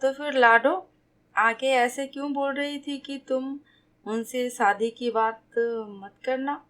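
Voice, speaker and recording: A woman voicing a young wife, a gentle sister-in-law who teases the family. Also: high-pitched, steady tone, slow pace. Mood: teasing.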